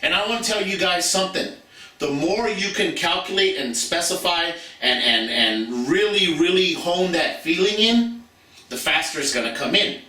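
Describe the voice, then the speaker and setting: A man's voice: sits high, lively intonation, moderate pace, pushed and bright, reverberant, distant mic, low-quality recording. A man in his thirties giving a blunt, profane motivational talk as a business mentor, repeating phrases for emphasis.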